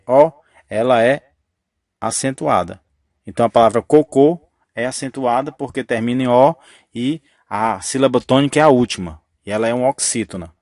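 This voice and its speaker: Clean studio sound with no echo captures a medium-pitched man giving a grammar lesson. Patient and methodical, he repeats the key rules and checks in with his listener as he goes.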